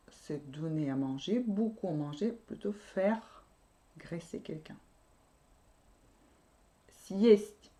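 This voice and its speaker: A woman teaches a language lesson in a mellow, darker voice. Her pitch rises and falls expressively as she repeats and patiently explains each new word.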